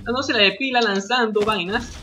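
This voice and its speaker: A man with a Venezuelan accent giving excitable live game commentary, yelping, swearing and talking to himself. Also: high voice, normal speed, music in the background. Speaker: gamer.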